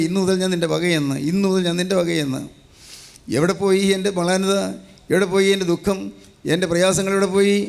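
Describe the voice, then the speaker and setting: An older man with a Malayali accent delivers a sermon in a high, ringing voice. He repeats his phrases and breaks into praise between them, fervent and insistent. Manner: repetitive, fervent, frequent praise exclamations. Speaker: preacher.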